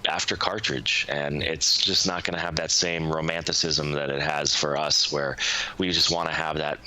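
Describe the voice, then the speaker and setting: Male guest, late 30s, low and very sharp-toned, eager casual chat. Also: little pitch movement, moderate pace, rough recording. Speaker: podcast guest. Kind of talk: casual conversation.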